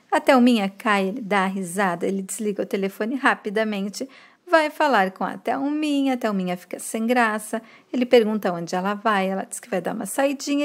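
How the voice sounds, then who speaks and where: A woman from Brazil recaps a soap opera episode in a fairly high voice. She tells the scenes in order and reads the characters' lines with animated pitch shifts. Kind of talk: retelling a TV episode, reading out dialogue.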